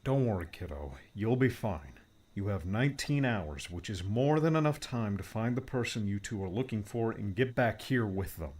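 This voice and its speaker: For an audiobook, a man voices an upbeat, reassuring tech mentor who cheerfully explains gadgets. His voice is on the low side, a little mellow and slightly rough, with lively intonation and a moderate pace.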